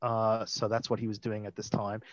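A podcast co-host with a fairly low voice chats casually about a TV episode at a moderate pace. He's animated, laughing now and then and acting out what he once thought. The recording is dry, dull, and lo-fi, with no echo.

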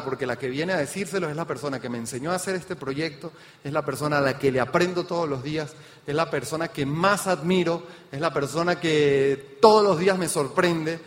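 A man giving an energetic motivational business seminar talk, speaking straight to the audience with rhetorical questions. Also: fairly high pitch, moderate pace. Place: event hall with an audience. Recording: reverberant hall sound.

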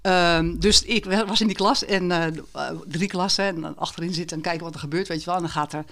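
A man's voice: sits high, steady tone, fast, fairly bright tone. A male author talks about his book in an interview, with many fillers and restarts, and reads a passage aloud. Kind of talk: conversational interview and reading aloud.

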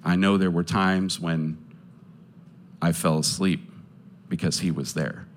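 With little movement in his low pitch, a man earnestly gives his testimony to a live audience and pleads for support amid many pauses and restarts. A little hiss or hum can be heard.

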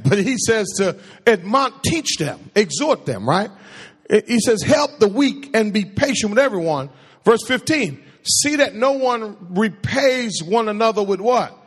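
Slow and animated, a male preacher with a husky tone, one he names a baritone, works through a call-and-response sermon. The pastor keeps quizzing his congregation and supplying the answers, all under the long reverb of a church sanctuary.

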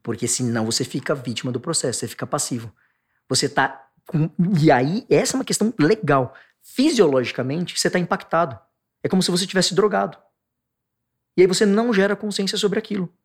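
A guest with a Brazilian Portuguese accent discusses stress and anxiety in a brisk, husky voice. He dramatizes angry outbursts with sharp bursts, then goes soft and low when making the calm points.

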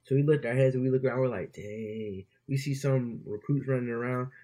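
A man's voice: medium pitch, little pitch movement, fast talker, warm tone. A young man, a podcast co-host, casually telling a story with loose slang. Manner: loose, slangy, lots of "bro".

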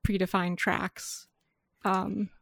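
A woman's voice: mid-range voice, little pitch movement, slow pace, gravelly, a bit bright, dry recording. A woman brainstorming ideas in casual chat, hesitant and full of fillers. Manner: hesitant, many fillers, laughs often. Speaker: worldbuilding collaborator.

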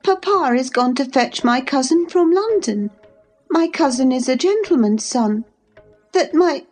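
A woman's voice: very animated, unhurried, mellow, faint music behind. A woman voicing a spoiled, indignant young girl who gives orders and turns tearful, in a storybook reading. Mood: distressed. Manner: haughty, commanding, high and pleading.

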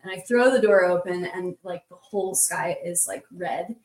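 A guest at a casual roundtable, a woman with a lowish voice at a moderate pace, retells events in a vivid, breathless way, saying "like" constantly. She's recorded from a distance, so the sound is roomy and off-mic.

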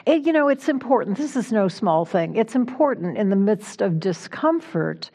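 A woman minister delivering a conversational sermon in a reflective, informal way, gently guiding her listeners. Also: mid-range voice, big pitch swings, normal speed. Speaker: minister giving a talk. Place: church sanctuary.

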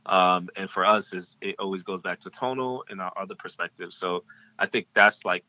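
A man's voice: deep voice, normal speed, sharp tone, dull audio. A man being interviewed as a podcast guest, talking reflectively with frequent fillers and restarts. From Ghanaian-American. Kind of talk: casual interview talk.

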